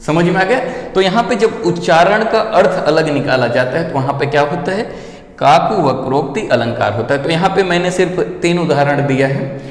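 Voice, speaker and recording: Male lesson presenter, slightly high voice, drills points with repeated questions, reverberant room. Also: normal speed. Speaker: teacher. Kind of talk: Hindi grammar lesson. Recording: echoey room with long reverb.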